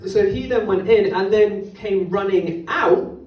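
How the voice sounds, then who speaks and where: A young man performs stand-up on a comedy club stage, talking in a rambling, self-mocking way that keeps tripping over itself. His voice is dark and mellow but sits a little high. The mic picks him up from some distance in an echoey room. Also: unhurried. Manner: rambling, self-deprecating, stumbling delivery. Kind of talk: stand-up set. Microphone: handheld microphone. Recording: roomy club sound from a distance.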